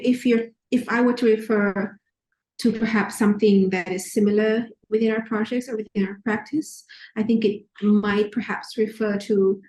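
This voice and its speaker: A woman from Thailand, an architect who co-founded her firm, answering interview questions in a thoughtful way and often pausing to search for words. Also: medium pitch, darkish tone.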